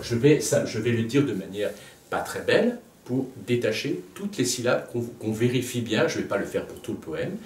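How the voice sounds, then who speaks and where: A man teaching a music lesson, explaining slowly with frequent pauses and restarts. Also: lowish voice, a little mellow, recorded from a distance. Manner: halting, with many restarts and filler sounds. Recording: echoey room, speaker off-mic.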